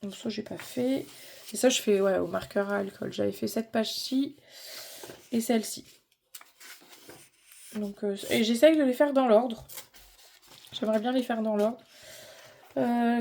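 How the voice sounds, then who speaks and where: A woman's voice: on the high side, vocal fry, dark tone, slight background noise. A middle-aged woman chatting casually in a hobby vlog, informal and rambling as she thinks aloud. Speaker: vlogger.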